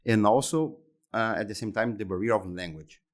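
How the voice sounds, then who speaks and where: Answering an interviewer in his second language, English, this Brazilian exhibition center executive in his fifties carries a Brazilian Portuguese accent. He talks in a fairly low voice, hesitantly, often repeating words and starting phrases over.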